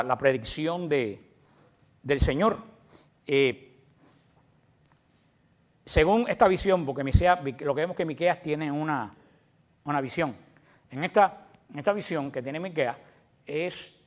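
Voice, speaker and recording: A male preacher giving a sermon in a conversational way, often asking his congregation questions. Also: a little high.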